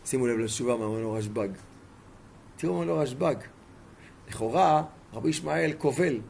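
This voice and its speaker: Gravelly-voiced rabbi teaching emphatically. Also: male voice, mid-range voice, a little mellow, a little hiss or hum. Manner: emphatic, fires rhetorical questions at listeners. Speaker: rabbi teaching a Torah class. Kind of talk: Torah lesson with storytelling.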